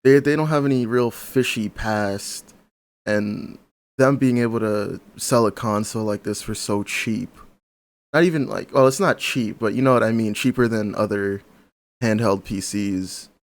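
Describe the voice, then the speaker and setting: A young man chatting casually on a podcast, talking fast and enthusiastically about tech and swearing freely. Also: fairly low pitch. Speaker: podcast guest. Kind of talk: casual chat.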